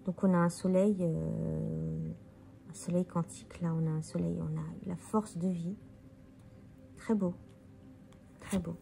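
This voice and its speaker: Slow, mellow-voiced tired woman. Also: lowish voice, fairly even intonation, creaky, soft background music. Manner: musing, thinking aloud while turning cards. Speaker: tarot card reader presenting a deck. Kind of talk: casual deck walkthrough.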